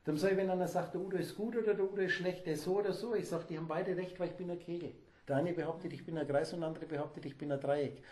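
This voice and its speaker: A man's voice: a little high, fairly even intonation, very fast, darkish tone, slight background noise. A man giving a spontaneous, rambling lecture to a small audience, emphatic and digressive. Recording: echoey room.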